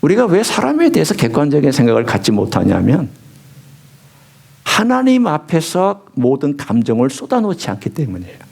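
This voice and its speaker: A man preaching a sermon as pastor, swinging from low hushed lines to high emphatic ones. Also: huge pitch swings, normal speed, creaky, husky. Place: church sanctuary.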